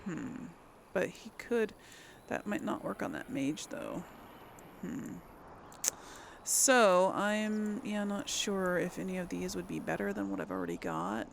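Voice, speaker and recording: Speaking a little slowly with vocal fry, this lowish-voiced woman thinks aloud hesitantly while hosting a role-play playthrough, frequently trailing off. Slight background noise can be heard.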